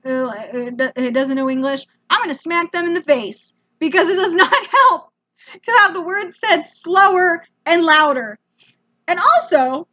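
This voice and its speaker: American woman doing a funny travel story, high bright voice, kinda dull lo-fi sound. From United States. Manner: animated, self-mocking, casual swearing. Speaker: comedian.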